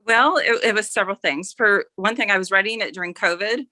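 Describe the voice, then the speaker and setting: A mature woman, appearing as an author guest, chats casually in a dry recording. Her mid-range voice is fast, pushed and bright, and she rambles a bit and corrects herself along the way.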